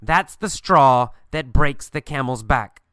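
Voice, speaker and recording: Guy teaching english w a story, repeats lines slow, bright clean voice. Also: mid-range voice, expressive, clear, resonant tone, dry recording, clean studio sound. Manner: slow, repeats phrases for learners. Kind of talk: storytelling lesson.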